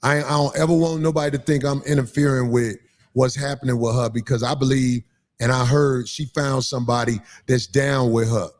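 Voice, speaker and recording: A man hosting a livestream, telling stories in casual chat with animated, profane delivery. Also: medium pitch, brisk. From Chicago, Illinois. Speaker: livestream host.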